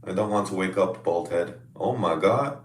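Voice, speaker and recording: Man, fitness coach, casual video call chat, excitable, roomy echo, distant mic. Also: low voice, moderate pace, a little hiss or hum. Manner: loud, excitable, hype-man energy.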